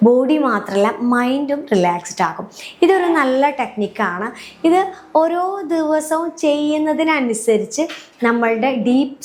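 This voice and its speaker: Calm woman coaching relaxation. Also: on the high side. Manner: calm, step-by-step, often checking "clear?". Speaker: happiness coach. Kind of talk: guided relaxation instruction.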